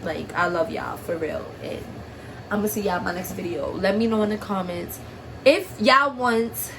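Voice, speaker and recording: A woman's voice: on the low side, brisk, creaky, noisy background. A young woman from Harlem, vlogging through tears with a stuffy nose and a shaky voice, blunt and profane. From Harlem, New York. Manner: blunt, profane, streetwise talk. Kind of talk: emotional personal vlog.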